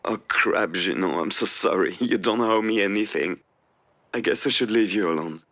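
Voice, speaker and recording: A man's voice: on the low side, normal speed, a bit bright. An actor playing a troubled middle-aged father in a voiced visual novel, talking in a strained, confessional way. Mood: apologetic. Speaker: game character.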